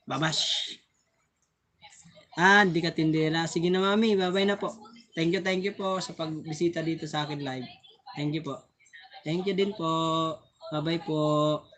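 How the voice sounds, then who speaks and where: A man's voice: fairly high pitch, steady tone, a little slow, pauses often, a bit bright. A man hosting a casual live stream on his phone, chatting and laughing often as he thanks viewers, sometimes tripping over his words.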